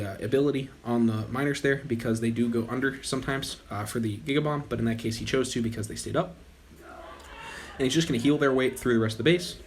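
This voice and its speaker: There's slight background noise behind this young man's mid-range voice as he hosts his gaming channel. Losing his voice, he chats casually over gameplay, rambling and often pausing to correct himself.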